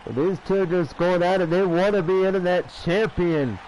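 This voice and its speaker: A man doing play-by-play as a wrestling commentator, halting and often repeating himself. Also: high-pitched, a little mellow, some chatter behind, low-quality recording. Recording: clear background noise.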